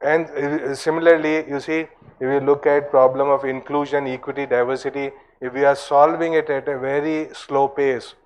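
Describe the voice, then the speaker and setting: A man's voice: medium pitch, level tone, normal speed, smooth, rough recording. A man giving a conference talk in a loose, discursive way, full of fillers and asides. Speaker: conference speaker.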